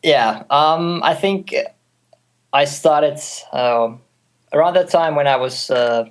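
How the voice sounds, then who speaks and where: A man's voice: on the high side, slow. A man in his twenties from Finland, a native Finnish speaker, talking in a casual interview on a call, hesitant with many fillers, restarts and light laughs. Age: 20s. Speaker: guest music producer. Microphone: call audio.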